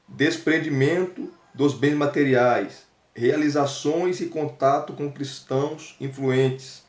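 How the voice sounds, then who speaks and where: A male teacher reviewing a book, slowly reading out its chapter headings with fillers and asides. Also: on the high side, reverberant. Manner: slow, listing chapter headings with frequent fillers.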